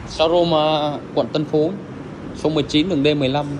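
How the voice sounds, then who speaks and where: A man showing an air cooler in a casual walkthrough, halting with fillers and counting parts aloud. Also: on the high side, fairly even intonation. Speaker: salesman demonstrating an air cooler. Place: large tiled showroom indoors. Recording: echoey room with loud fan noise.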